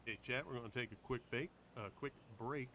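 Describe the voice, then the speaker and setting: A man's voice: medium pitch, fairly quick, a bit bright. A man streaming a game, muttering short casual remarks as he plays. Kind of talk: casual gameplay chat. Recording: very noisy, with clicks.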